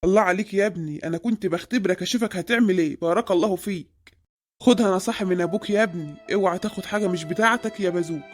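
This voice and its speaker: A woman's voice: medium pitch, racing, soft background music, natural voice. A woman voicing a grumpy, preachy father in an Egyptian cartoon, with an Egyptian Arabic accent. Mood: grumbling. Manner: grumbling, preachy.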